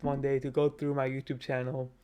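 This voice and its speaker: This Nepali man in his twenties speaks briskly in a completely flat, mid-range voice that is mellow and clean. He's recording a self-improvement vlog on a cheap USB desk mic in his bedroom at his parents' house. He sounds earnest and casual, motivating himself and rambling with fillers.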